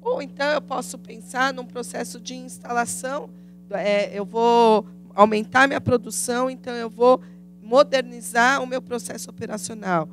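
A woman's voice: fairly high pitch, steady tone, moderate pace, soft background music. A woman in her thirties with a Brazilian Portuguese accent gives a business lecture in a conference room, speaking into a handheld microphone and often asking rhetorical questions. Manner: didactic, asks rhetorical questions, frequent tag "né?". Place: conference room with audience, indoors.

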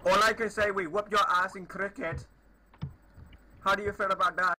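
A man voices a posturing tough guy in a clumsy put-on Indian accent, taunting and boasting nonstop. The tone is bright and forceful, a touch deeper than his natural voice. A faint hiss of line noise runs under it. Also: steady tone, normal speed. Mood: blustering. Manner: aggressive, taunting, bragging. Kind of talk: prank call over voice chat.

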